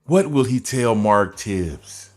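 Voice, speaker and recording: A man commentating over a boxing video in an animated way, full of rhetorical questions and chuckling asides. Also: on the low side, slow.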